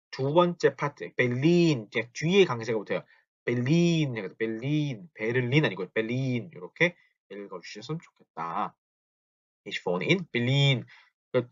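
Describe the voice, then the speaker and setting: A man teaching German grammar in a recorded lecture, explaining step by step and slowly repeating words to show pronunciation. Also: medium pitch, a bit bright, lo-fi sound.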